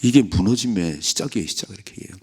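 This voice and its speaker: A man's voice: fairly low pitch, animated, fast, dark tone, breathy edge. A man preaching a dawn sermon as the pastor, earnestly acting out quoted voices as he goes.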